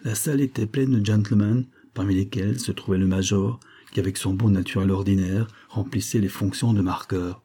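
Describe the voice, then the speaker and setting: A man reads a classic novel aloud in steady, scripted narration. His voice sits low and sounds dark and mellow, with a husky grain. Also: moderate pace, few pauses. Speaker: audiobook reader.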